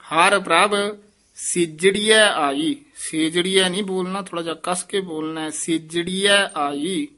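A man teaching scripture recitation. He chants each verse slowly and deliberately, then explains in plain speech where to pause. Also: high voice, fairly even intonation, sharp tone. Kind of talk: recitation lesson.

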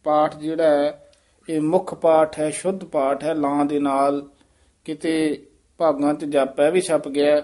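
A man teaching pronunciation, correcting each phrase patiently and repeating it slowly. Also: a little high, little pitch movement, dark tone. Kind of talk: pronunciation lesson.

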